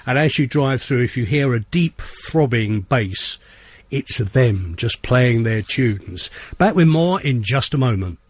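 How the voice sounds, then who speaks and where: A middle-aged man presenting a radio show in a chatty, enthusiastic way, pausing on many "uh"s. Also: mid-range voice, lively intonation, slightly rough.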